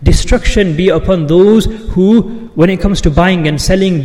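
A man giving an impassioned Eid sermon, building to forceful rhetorical questions. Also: on the high side. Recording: long hall reverb.

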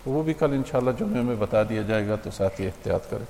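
A man's voice: medium pitch, a little hiss or hum. Man giving a mosque talk, reverberant hall. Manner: explanatory, steady, with hesitation fillers. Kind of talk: religious talk to a congregation.

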